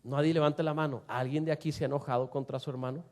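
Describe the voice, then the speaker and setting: A man preaching a sermon to a congregation, asking them rhetorical questions and swinging between loud and soft. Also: a little high, steady tone, quick pace. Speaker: pastor.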